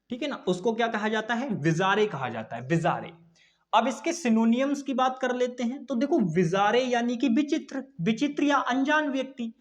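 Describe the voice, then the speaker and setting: A young man teaches an exam-prep vocabulary class, and his voice sits high for a man. He repeats each point and poses questions to his students, then answers them himself. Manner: repetitive, addresses students as brother, answers his own questions. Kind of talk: online exam-prep lesson.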